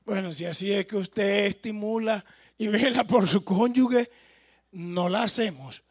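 A man's voice: high-pitched, measured pace, no echo. A male pastor preaching in a church, telling a humorous story and speaking directly to the congregation.

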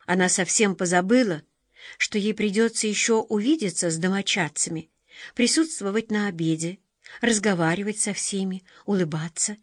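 A woman reading a novel aloud as audiobook narrator in a measured, expressive way. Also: medium pitch, no echo, clean studio sound. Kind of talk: scripted narration.

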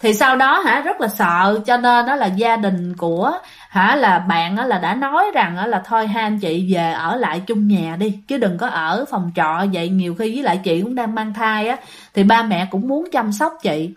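A woman's voice: medium pitch, animated, normal speed. Chatty Southern Vietnamese woman storyteller. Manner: chatty, addresses listeners directly. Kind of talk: ghost story narration.

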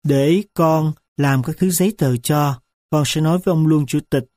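A man voicing a kind young woman schoolteacher who asks gentle, careful questions. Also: fairly high pitch, normal speed, no room sound, clean studio sound, lightly acted. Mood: concerned.

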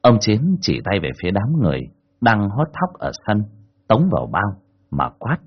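Man, husky voice, lively storytelling, dull lo-fi recording. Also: fairly low pitch, moderate pace. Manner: expressive, colloquial. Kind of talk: dramatic audiobook narration.

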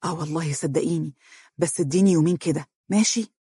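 Storybook: woman doing a caring Egyptian young man, quick and husky. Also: lowish voice, darkish tone, dry recording. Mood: reassuring. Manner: reassuring, quick.

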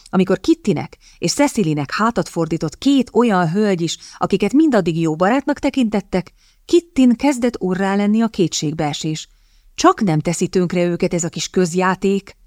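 A woman narrating an audiobook in a calm, even reading manner, recorded close to a studio mic. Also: mid-range voice, no echo. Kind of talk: scripted narration.

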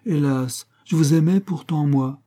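A man's voice: fairly high pitch, a little slow, mellow, voice pushed up. A man reading aloud voices a flirtatious, laughing courtesan woman, with a teasing, dramatic delivery. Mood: wistful.

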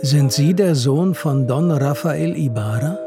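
A man's voice: on the high side, a little slow. A man voicing an earnest, stern old officer in a radio reading of a novel, with music underneath.

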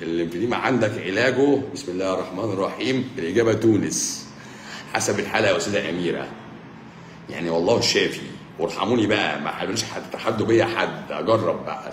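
A man with an Egyptian accent, a doctor answering viewers' comments on a live stream in a joking, teasing, brisk manner. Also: low-pitched. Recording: roomy echo, faint background hum.

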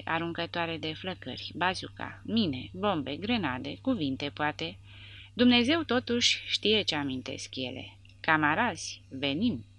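A woman's voice: on the low side, creaky, fairly bright tone, no echo, heavily acted. A woman reading the part of a fatalistic male foreign legionnaire giving a declamatory speech.

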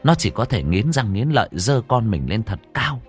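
A male storyteller reads a sad tale aloud with lots of dramatic feeling. His voice is on the low side yet swings widely in pitch, and soft background music plays underneath. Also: big pitch swings, normal speed. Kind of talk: emotional story narration.

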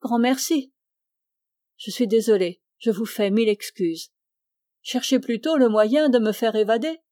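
Une femme lit les répliques d'une jeune femme taquine mais hésitante, d'une voix douce, dans un livre audio. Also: female voice, fairly high pitch, unhurried, mellow, no room sound, clean studio sound, natural voice. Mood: teasing. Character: young woman, teasing yet hesitant. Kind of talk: audiobook dialogue reading.

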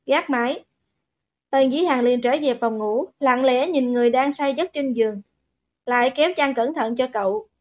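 A woman with a bright, high voice reads a romance novel aloud at normal speed. Her narration is steady and even, with the plain pacing of a scripted audiobook.

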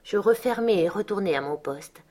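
A woman reading a novel aloud as audiobook narrator, calm and measured. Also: mid-range voice. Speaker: audiobook reader. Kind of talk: scripted narration.

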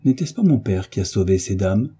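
A man voicing an enthusiastic eighteen-year-old son who talks eagerly and warmly in an audiobook reading. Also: on the low side, fairly quick, slightly rough. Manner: eager, animated.

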